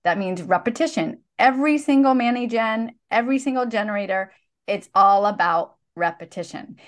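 A woman's voice: fairly high pitch, expressive, moderate pace. A woman hosting a podcast, speaking in an encouraging, coaching tone during a casual chat. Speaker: podcast host.

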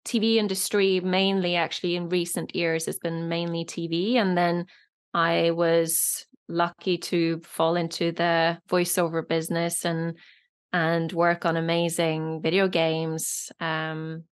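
A woman's voice: lowish voice, little pitch movement, unhurried, smooth. A woman in her thirties, born in Norway, with a British-leaning accent and Norwegian as her first language, chatting as a guest with many fillers. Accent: British-leaning, not clearly foreign. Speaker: actress, guest. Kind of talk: casual interview chat.

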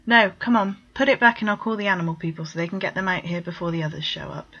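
A woman plays a blunt, foul-mouthed young man who is suspicious and short-tempered with his brother. The voice sits on the low side and the storybook reading sounds muffled and lo-fi. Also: quick pace, fairly bright tone. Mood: impatient. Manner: blunt, gruff, swearing. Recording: dull lo-fi recording.

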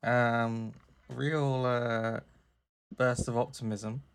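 A man's voice: mid-range voice, fairly even intonation, very slow, smooth. A British man co-hosting a podcast, chatting casually with dry, self-mocking humour while getting over an illness. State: recovering from illness. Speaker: podcast co-host. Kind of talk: casual chat.

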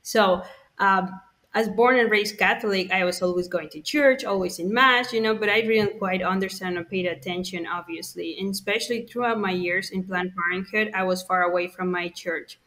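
A woman's voice: medium pitch, moderate pace, fairly bright tone. A woman from Mexico, a podcast guest speaking in a candid, matter-of-fact way. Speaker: guest, pro-life ministry worker. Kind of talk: podcast interview.

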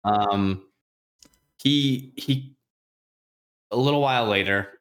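A man on a podcast casually retelling a novel's chapters, acting out the characters' lines in quick, offhand voices and swearing freely. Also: on the low side, fairly bright tone. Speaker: podcast host recapping a book. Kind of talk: casual chat.

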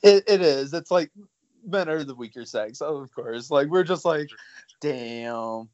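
Young male guest, slightly high pitch, chatty joker, dull close-up sound. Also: lively intonation, normal speed, darkish tone. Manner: jokey, chatty, laughs easily. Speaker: guest artist. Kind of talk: casual chat.

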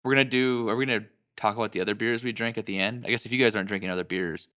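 A man's voice: on the low side, steady tone, rapid-fire, bright, forceful tone. A man chatting casually as a player in a tabletop game. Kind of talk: casual chat.

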